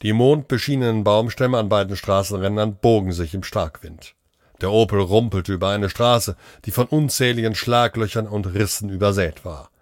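A man narrating a short story in a measured audiobook reading, close on the mic. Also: fairly low pitch, no room sound.

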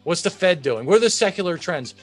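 Higher-voiced man giving expert market commentary. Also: expressive, fairly quick, faint music behind. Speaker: chief investment officer, interview guest.

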